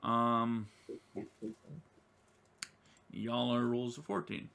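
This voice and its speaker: A man's voice: medium pitch, extremely slow, gravelly, a bit bright. A man narrating a solo tabletop game as game master, rambling with many ums and self-corrections.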